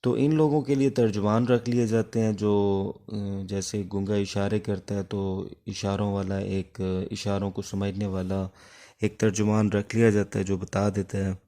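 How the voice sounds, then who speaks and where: A law teacher with a Pakistani accent gives an informal lecture, explaining haltingly, mixing in English terms, and asking questions he answers himself. His voice is lowish and mellow, with fairly even intonation.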